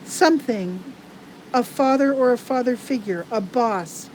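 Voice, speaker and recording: A woman giving live tarot card readings to viewers. She talks in a halting, earnest way with many restarts. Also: on the high side, darkish tone, slight background noise, low-quality recording.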